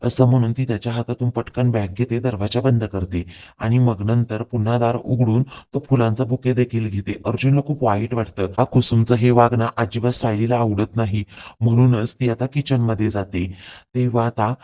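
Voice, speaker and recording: A man narrating a plot recap, retelling the scenes in a steady storytelling flow. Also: mid-range voice, moderate pace.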